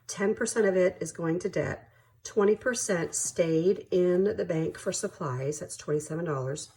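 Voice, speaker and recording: This budgeting channel host speaks in a lowish, dark-toned voice at a normal pace. Stuffy from allergies, she sniffles and coughs while chatting casually on her own vlog, counting money aloud, laughing easily and sounding friendly and apologetic.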